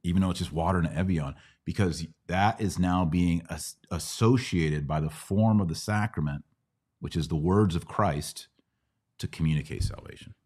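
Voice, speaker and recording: On his conversational Q&A podcast about religious questions, a middle-aged American man explains things didactically and checks in with rhetorical questions. His voice is low, darkish, and slightly rough, at a normal speed.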